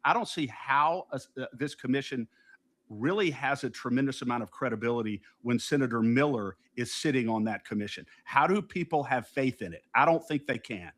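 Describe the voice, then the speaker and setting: With a loud, mid-range voice and lively intonation, a man talks briskly as co-host of a political talk show. The discussion is casual, but he is emphatic and indignant, often breaking off and starting again.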